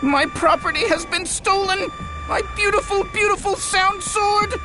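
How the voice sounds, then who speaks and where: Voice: very high-pitched, a little slow, over loud music. An actor voicing a pompous, huffy lemon earl who speaks formally in a cartoon. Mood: indignant. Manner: formal, shrieking indignation. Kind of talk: cartoon voice acting.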